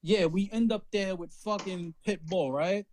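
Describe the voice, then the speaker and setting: A man co-hosting a podcast, telling an anecdote in an animated, profane, casual way. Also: high voice, measured pace. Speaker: podcast co-host. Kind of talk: casual storytelling chat.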